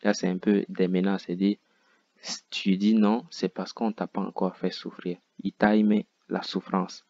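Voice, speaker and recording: Slow low gravelly teacher. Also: male voice, little pitch movement, darkish tone, no echo, muffled recording. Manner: slow, repeats and breaks down Japanese words. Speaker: Japanese teacher. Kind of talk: explaining game dialogue line by line.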